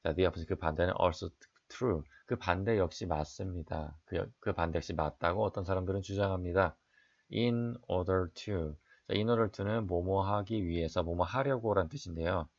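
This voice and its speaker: A man's voice: sits low, moderate pace, dull audio. A man teaching an exam-prep English lesson, reading each English phrase aloud, translating it, and answering his own questions. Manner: explains sentence by sentence, reads English then translates; frequent "자" fillers, asks and answers own questions.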